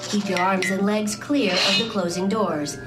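A woman's voice: mid-range voice, steady tone, moderate pace. A woman reading a scripted, airport-style safety announcement in a formal, instructional way. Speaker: safety announcer on a theme park ride. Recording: loud music behind. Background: loud music.

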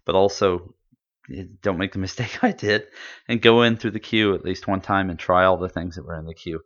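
A man's voice: low-pitched, steady tone, fairly quick, a bit bright. A man co-hosting a podcast in casual chat, rambling and enthusiastic with lots of fillers. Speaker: podcast co-host. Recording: dull lo-fi audio.

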